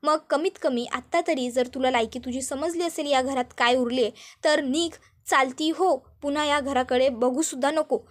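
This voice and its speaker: A woman's voice: high voice, moderate pace, lightly acted. A woman doing a commanding angry young woman. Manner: sharp, commanding. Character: angry woman scolding a traitor.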